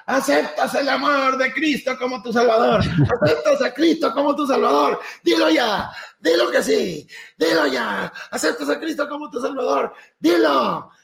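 A loud, fervent preacher with a piercing high voice, put on by a man telling a story. He shouts his demands insistently. The space rings with a roomy echo. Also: very animated, slow pace, full character voice. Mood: fervent shouting.

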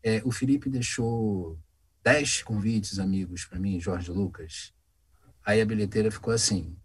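A man, a voice actor telling anecdotes in a casual interview, animated and acting out the voices of the people in his stories. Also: on the low side, measured pace, breathy edge. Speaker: voice actor guest.

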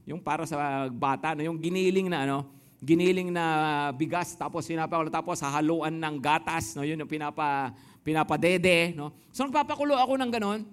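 High-voiced male pastor preaching. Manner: calls out questions to the congregation; mixes Tagalog and English in lively storytelling. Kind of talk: sermon. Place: church before a congregation.

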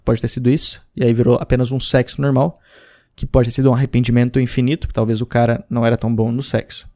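A podcast host from Brazil, a man in his thirties, rambles casually through listener messages using slang and restarting often. He speaks fast in a flat delivery, with a mid-range, warm-toned voice.

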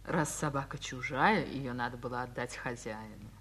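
A woman's voice: very deep voice, normal speed, fairly bright tone, slight background noise. A woman playing a patient, affectionate mother in a 1950s Soviet radio play, tender and indulgent with her young son. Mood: tender, regretful. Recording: 1950s radio drama recording.

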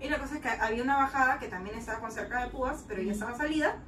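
A young woman telling a story in casual chat, animated and laughing as she acts out voices. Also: fairly high pitch, rapid-fire. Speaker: podcast co-host. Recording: roomy, distant mic with noise.

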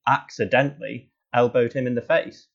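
A man as co-commentator on a spoof football show, with a deadpan, cynical pundit delivery. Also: mid-range voice, moderate pace, gravelly, highs cut off.

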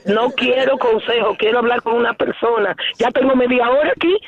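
A woman's voice: a little high, steady tone, fairly quick. A woman on a telephone call, complaining in an indignant, insistent and exasperated way. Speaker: prank call victim. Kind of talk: exasperated phone conversation. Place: at home on the phone. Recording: dull lo-fi telephone line.

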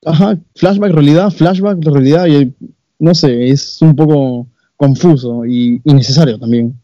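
A young man chatting about a film in a measured, analytical way. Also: on the high side, mellow, dry recording. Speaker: co-host reviewing a film. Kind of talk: casual film review chat. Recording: dull, dry, lo-fi sound.

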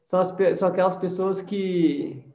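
A man with a Brazilian Portuguese accent gives an energetic, preachy network marketing training talk and keeps adding tag questions. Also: high-pitched, moderate pace. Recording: roomy, dull lo-fi sound.

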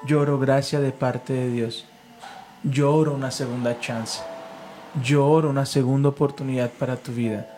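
A man's voice: medium pitch, fairly even intonation, moderate pace, warm tone, faint music behind, rough recording. A man, a pastor and podcast host, preaching casually, telling stories and leading a call-and-response prayer. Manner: leads call-and-response prayer, fervent and storytelling.

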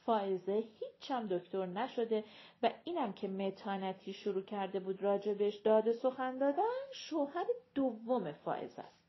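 A woman's voice: medium pitch, lo-fi sound, close to an everyday voice. A woman voicing a blunt, nosy, gossipy middle-aged mother who chatters on, in an audiobook reading.

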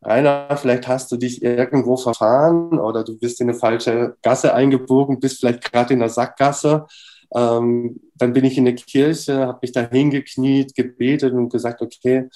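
A middle-aged man telling a personal story in an interview, lively and full of fillers, acting out the dialogue as he goes. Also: medium pitch, normal speed. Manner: animated, acts out dialogue, many fillers. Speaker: interview guest. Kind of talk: casual storytelling.

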